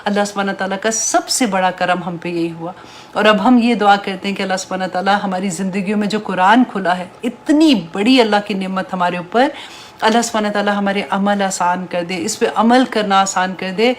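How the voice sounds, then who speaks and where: A woman's voice: mid-range voice, slight background noise. A woman teaching a Quran tafsir class, reading Arabic verses and explaining them in Urdu, with an encouraging tone that often checks with her students. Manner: warm, encouraging teaching tone with tag questions.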